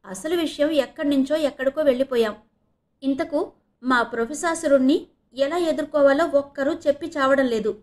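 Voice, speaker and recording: A woman's voice: high voice, lively intonation, normal speed, a bit bright, pitched above the performer's own voice. Lady doing a fed up young student girl in an audio novel, grumbling. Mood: exasperated. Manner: exasperated, grumbling. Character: irritated young female medical student. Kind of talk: audiobook character reading.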